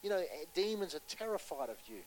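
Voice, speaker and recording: A man preaching a sermon with passion, pressing his points loudly and then dropping to a hushed voice to tell a story, and putting questions to his listeners. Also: high voice, very animated, fairly quick, low-quality recording. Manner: impassioned, swinging between loud urgency and hushed storytelling; asks the audience rhetorical questions.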